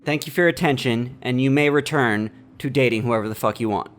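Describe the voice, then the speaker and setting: Deadpan man lecturing in mock seriousness. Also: medium pitch, fairly quick. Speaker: vlogger. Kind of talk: deadpan satirical monologue.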